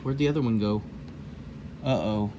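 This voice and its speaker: Over some background noise, a man with a fairly low voice reads a children's story aloud at normal speed. As host of a children's read-aloud show, he's folksy and rambling, breaking off for casual, jokey asides.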